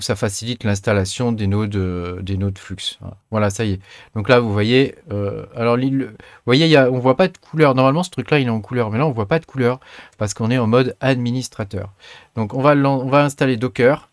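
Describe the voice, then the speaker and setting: A man hosting a software tutorial, chatting through each step with many filler sounds. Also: mid-range voice, brisk, no room sound. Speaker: tutorial host. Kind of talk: screen-recorded software tutorial.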